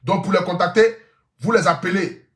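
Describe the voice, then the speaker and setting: A man, hosting a live stream and pitching sponsor products in an insistent way, slowly repeating phone numbers. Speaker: live stream host reading sponsor ads. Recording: roomy echo.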